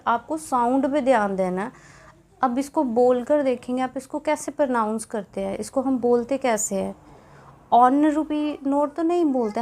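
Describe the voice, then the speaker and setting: Slow, patient Indian woman teaching grammar. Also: high-pitched. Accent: Indian English. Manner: patient, repetitive explaining, mixing Hindi and English. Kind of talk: classroom grammar lesson.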